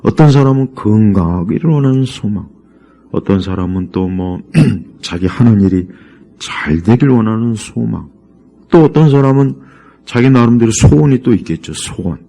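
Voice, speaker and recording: Deep-toned, emphatic Korean-speaking male pastor. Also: lively intonation, moderate pace, gravelly, mellow. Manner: repetitive, emphatic preaching with sudden rises and drops in volume. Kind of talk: sermon. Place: church.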